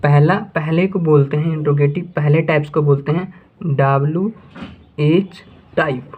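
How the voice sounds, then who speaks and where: A man teaching English grammar to beginners in his native Hindi, with a fairly high voice for a man. He repeats each point, asks questions and answers them himself, and slows down when he dictates example sentences. The sound is thin and tinny, like a phone line. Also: fairly even intonation. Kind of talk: classroom-style lesson for beginners.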